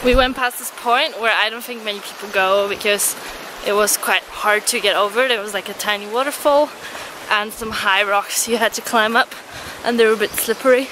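A young woman chatting excitedly on a hiking trip, filming herself at arm's length outdoors by a stream. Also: mid-range voice, moderate pace, background noise. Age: young adult. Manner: chatty and excited, laughing often. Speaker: travel vlogger. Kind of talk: casual travel vlog. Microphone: camera phone held at arm's length.

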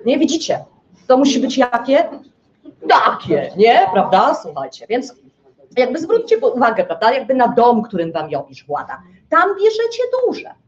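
A woman's voice: high-pitched, huge pitch swings, moderate pace. A woman giving a live astrology lecture, who keeps checking in with her listeners and asks rhetorical questions, then answers them herself. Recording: dull lo-fi lecture recording.

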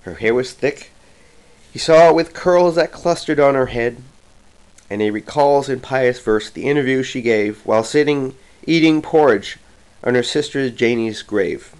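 A man reciting a long verse poem at an unhurried, deliberate pace. His medium-pitched voice rides the rhythm of the lines theatrically, leaning hard into the dramatic moments. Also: darkish tone, clean tone, poor audio. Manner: slow, theatrical rhythmic delivery. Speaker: poetry reader.

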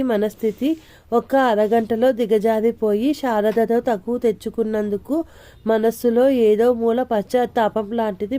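A woman narrating an audio novel in a steady, even storytelling manner. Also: a little high.

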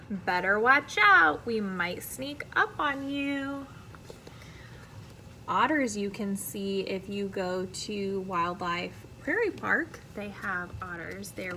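In a classroom, a thirtyish American woman reads a children's picture book aloud the way a teacher would, expressive and careful, with friendly asides to her young audience. Her fairly high voice sounds pushed and bright, and the rough recording carries a little hiss or hum.

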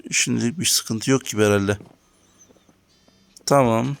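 Gravelly man narrating his gameplay. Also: medium pitch, measured pace. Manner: talks to viewers while playing, grumbling at lag. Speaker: gaming channel host. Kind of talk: casual let's-play commentary.

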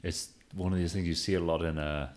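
Deep-voiced male coach telling stories. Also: a little fast. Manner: lively storyteller, acts out quotes. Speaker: handstand coach, podcast co-host. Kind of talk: casual podcast conversation.

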